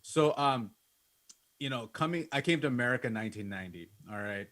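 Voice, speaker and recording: Brisk and expressive, with a medium pitch and a fairly bright tone, a Bangladeshi man gives a masterclass as a musician and music producer. Indoors on a video call, he shares his life story with an online class in an informal, chatty way, full of "like" and "you know."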